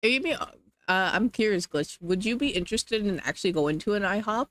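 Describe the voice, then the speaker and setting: A streamer talks loosely into a close desk mic, piling up "like"s and restarts while reading chat aloud between bites. The sound is dry and close with no room around it, and the pitch sits in a middling register. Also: expressive, a little fast, fairly bright tone, dry recording. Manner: rambling, hedging with many "like"s, reading chat aloud. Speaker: livestreamer.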